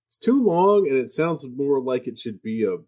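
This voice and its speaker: A man's voice: medium pitch, moderate pace. A man co-hosting a film podcast, making wry jokes in casual chat. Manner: wry, joking, lively. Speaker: podcast co-host.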